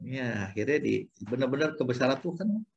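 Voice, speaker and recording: A man sharing a personal faith testimony with his Bible study group over a video call, telling it in an animated way and acting out the dialogue. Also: medium pitch, normal speed, gravelly, breathy edge, dull audio. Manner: animated storytelling, acts out dialogue.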